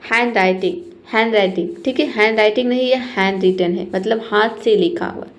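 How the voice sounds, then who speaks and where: A woman's voice: mid-range voice, brisk. Patient Indian woman teaching pronunciation. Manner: patient, repeats each word and keeps checking in. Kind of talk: explaining word meanings in Hindi.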